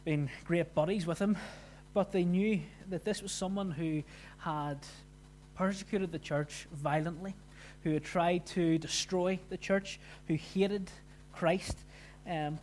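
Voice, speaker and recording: A man preaching a sermon, explaining scripture in an informal, conversational way with pauses. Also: fairly high pitch, steady tone, a little mellow, a little hiss or hum.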